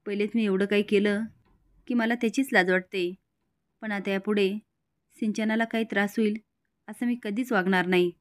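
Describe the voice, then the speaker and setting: A woman retelling a TV serial in brisk narration, speaking the characters' lines mostly in her own plain voice. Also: mid-range voice, steady tone, clear, resonant tone, no echo. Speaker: storyteller. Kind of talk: recapping a TV serial, reading all the dialogue.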